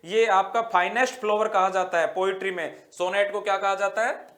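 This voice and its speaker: A male teacher giving an exam-prep literature lesson, dictating English phrases slowly and repeating them, then explaining and quizzing students warmly as "beta". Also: high-pitched, level tone. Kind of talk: online exam-prep lecture. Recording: roomy echo.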